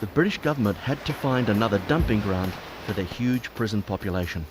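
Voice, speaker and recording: A man reading scripted documentary narration in a lively, dramatic way. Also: on the low side, fairly quick, background noise. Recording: narration over clear music.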